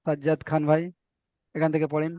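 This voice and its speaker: A man's voice: fairly high pitch, completely flat delivery, brisk, warm tone, no room sound, muffled recording. A man teaching Arabic letter reading in an online class, patiently repeating each point and checking that students follow.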